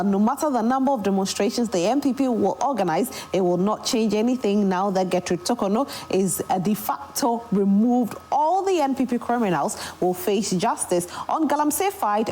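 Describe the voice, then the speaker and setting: A woman's voice: medium pitch, a little mellow, a little hiss or hum. A woman with a Ghanaian accent, working as a morning show host, reading out viewer messages and commenting briefly in a studio. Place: broadcast studio.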